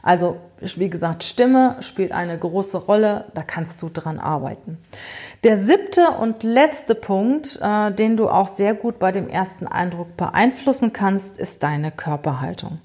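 A woman's voice: medium pitch, lively intonation, a little slow, dark tone. A middle-aged woman giving direct, practical advice on first impressions, speaking informally to the viewer with occasional fillers. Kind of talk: advice talk addressed to viewer.

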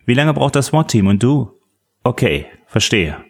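A man's voice: mid-range voice, big pitch swings, a little slow, husky, voice pushed up, exaggerated voice. A man voicing a tough female agent who gives clipped, impatient orders on the phone. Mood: urgent. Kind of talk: audiobook reading.

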